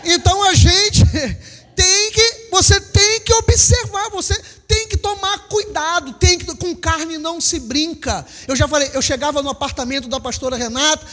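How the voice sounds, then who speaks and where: A man's voice: extremely high pitch, moderate pace, bright, forceful tone, in a large hall, soft background music. A man in his fifties from Brazil, preaching a sermon as pastor, repeating his warnings emphatically and acting out little scenes. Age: 50s. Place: church hall.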